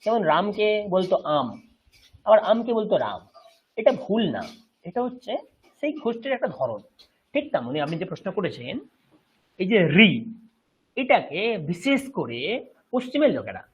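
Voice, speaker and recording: A Bengali-accented man teaches a Sanskrit lesson in a lively, rising and falling voice that is a little husky. He explains patiently and keeps asking if the class has understood. The audio is dull and lo-fi. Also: sits high. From West Bengal, India. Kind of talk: online class lecture.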